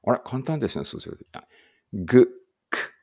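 Gravelly-voiced man thinking aloud. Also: mid-range voice, big pitch swings, a little fast, a little mellow. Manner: thinks aloud, muttering asides. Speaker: language teacher reading aloud. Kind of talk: casual study-along reading.

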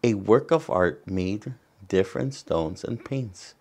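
Reading a picture book aloud for kids, the storytime host explains things in an animated, mellow voice that's fairly low and slow. He is a Salvadoran-accented man in his forties from San Salvador, filmed indoors against a wooden backdrop.

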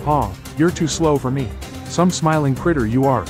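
A man's voice: medium pitch, moderate pace, music in the background, natural voice. A man voicing a mocking, rejected giraffe toy in a dramatic cartoon.

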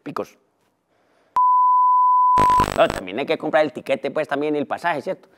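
A young adult man doing a joking comedy monologue in an animated way. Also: fairly high pitch, unhurried, noisy background. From Colombia. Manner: animated, jokey, breaks into laughter. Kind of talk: comic vlog monologue.

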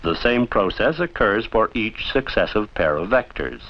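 An old training film provides the setting: a low male narrator speaks with lively intonation and formal, measured, instructive phrasing. The sound is muffled and lacks clarity.

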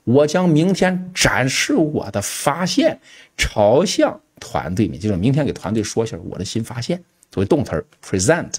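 A man gives an online English pronunciation lesson and keeps turning to his students as he explains. His pitch rises and falls widely. His voice has a slightly husky grain. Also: normal speed. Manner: animated, keeps addressing the students. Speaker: English teacher.

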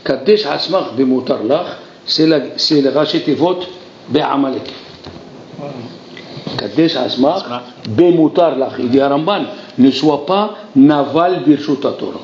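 A man giving a Torah lesson, animated and theatrical, acting out dialogues and crying out in exclamations. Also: mid-range voice, unhurried, background noise. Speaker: rabbi teaching a Torah class. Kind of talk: lively French Torah lesson. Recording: roomy lo-fi recording with faint ambience.

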